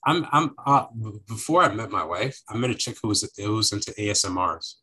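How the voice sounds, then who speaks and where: A man's voice: on the low side, animated, fairly quick, pushed and bright, slightly rough, poor audio. A young man talking casually on a podcast, rambling and repeating phrases as he searches for words.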